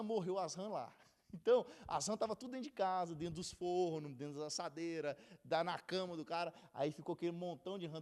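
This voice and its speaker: A man's voice: on the high side, a little mellow. A man with a Brazilian Portuguese accent teaching a casual Bible class, chatty and joking as he goes. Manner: chatty, jokes and laughs while teaching.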